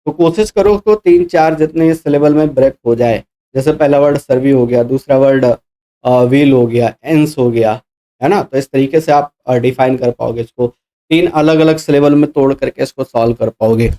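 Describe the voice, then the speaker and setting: A man's voice: mid-range voice, normal speed, mellow. A male teacher for exam prep who explains answers step by step, spells letter by letter and corrects himself as he goes. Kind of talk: explaining mock test answers.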